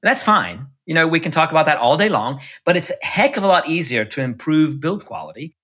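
In Munich, an American electric car executive chats through stories as an interview guest, restarting often and using many fillers. His pitch sits on the high side, and he sounds very animated, brisk, sharp and husky.

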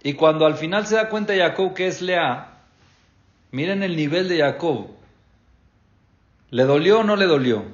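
A man's voice: on the high side, expressive, measured pace, long pauses. A man, a rabbi teaching an interactive Torah class, who questions his students and acts out the figures' words. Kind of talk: interactive religious lesson. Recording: dull lo-fi recording.

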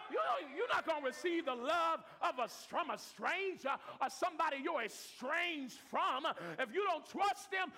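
A man with a very high, bright, ringing voice preaches a sermon to a church. He rises into shouted declarations and then drops into low, quiet asides. His voice carries a long reverb from the sanctuary around him.

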